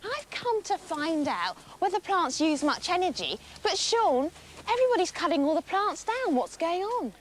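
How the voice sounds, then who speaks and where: High, animated young woman presenter. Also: normal speed, a little hiss or hum. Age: young adult. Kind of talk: scripted children's science presenting on location. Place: outdoors in overgrown greenery.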